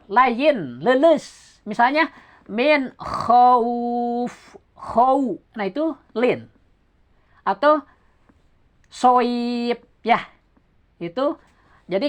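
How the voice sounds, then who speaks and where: A woman with a Sundanese accent teaching recitation rules at home. She patiently checks that her students understand and chants verses slowly as examples. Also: a little high. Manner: demonstrates verses in slow chant. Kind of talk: home tajwid lesson.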